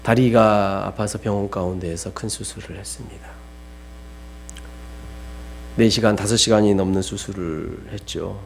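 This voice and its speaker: A young adult man preaching a sermon, swinging from loud pleading questions to hushed, almost whispered lines. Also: fairly low pitch, steady tone, moderate pace, creaky, long pauses, slight background noise.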